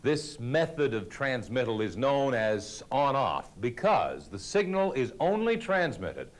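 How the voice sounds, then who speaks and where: A man narrating a scripted technical lesson as an instructor, in a measured, explanatory way with emphasis on key terms. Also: mid-range voice, sing-song.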